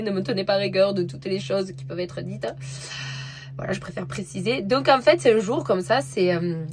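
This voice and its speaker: A woman winegrower, chatting in a hesitant way with lots of fillers while outdoors in a vineyard. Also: mid-range voice. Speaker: winegrower vlogger. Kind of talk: casual vlog chat.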